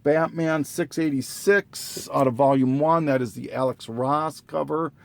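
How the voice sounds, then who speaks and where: Guy slowly reading off his collection, lots of ums, kinda losing his voice, slightly high voice. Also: steady tone, creaky. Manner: slow, halting, many ums and self-corrections. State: losing his voice, clearing his throat. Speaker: comic collector listing trades. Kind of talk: casual show-and-tell listing.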